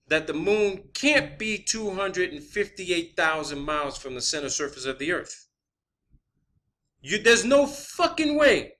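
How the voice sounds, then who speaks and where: Presenting his own theory as a video host, a man delivers an informal, combative opinion monologue, emphatic and full of swearing. His voice is high-pitched with a sharp tone.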